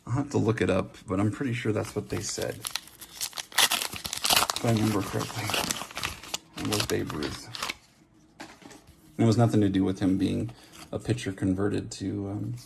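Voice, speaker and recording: Somewhat low and creaky, this man's voice stays level at a measured pace with long pauses. He hosts a trading card opening channel, offering offhand running commentary as he opens packs, reading out names and musing aloud amid background hiss, handling clicks and card shuffling.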